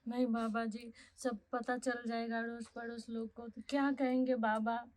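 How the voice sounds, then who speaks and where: Sketch: desperate young wife begging, high voice, played by a woman. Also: little pitch movement, moderate pace, darkish tone, close to an everyday voice. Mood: pleading. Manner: pleading, distressed. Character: young wife, anxious and pleading. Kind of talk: comic sketch acting.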